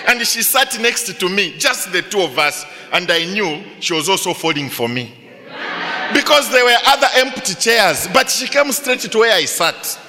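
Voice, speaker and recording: A middle-aged male pastor preaching to students, telling a story with animated delivery and frequent rhetorical questions. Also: high-pitched, normal speed, big-room sound. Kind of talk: sermon to students.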